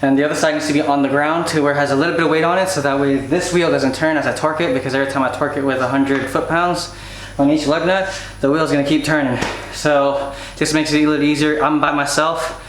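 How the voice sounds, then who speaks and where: A man walking viewers through car maintenance in a casual how-to style, chatty and hurried as he works. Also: on the high side, steady tone, a bit bright. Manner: hurried, chatty, restarts phrases while working. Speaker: DIY car maintenance vlogger. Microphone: camera-mounted mic. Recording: echoey garage, faint noise.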